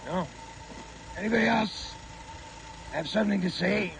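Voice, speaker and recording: Angry male protester, very gravelly high voice, deliberate shouted delivery, noisy outdoor take. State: out of breath.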